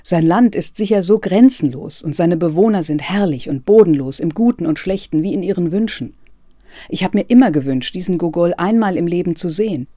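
Reader playing a worn-out dying writer guy, soft hoarse cracked voice, mellow and dry. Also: high-pitched, expressive, a little fast, dry recording. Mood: admiring. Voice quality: soft and hoarse with a slight break. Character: frail, exhausted male writer near death.

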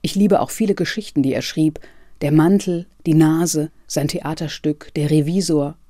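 A reader voicing a frail, exhausted male writer whose voice is soft and hoarse with a slight break, speaking earnestly. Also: on the high side, steady tone, normal speed, dry recording, clean studio sound, natural voice. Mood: admiring.

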